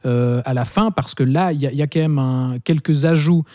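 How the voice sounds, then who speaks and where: A man giving a measured take on a film in a casual review, hedging with fillers. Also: mid-range voice, a little mellow, no echo, studio quality. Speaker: film critic.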